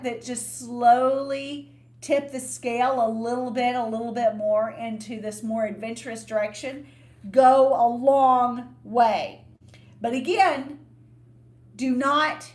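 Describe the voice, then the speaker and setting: A woman co-hosting a podcast, giving frank, unhurried relationship advice in a casual, explanatory way. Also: fairly high pitch, fairly even intonation, a little mellow. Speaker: podcast co-host. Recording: echoey room.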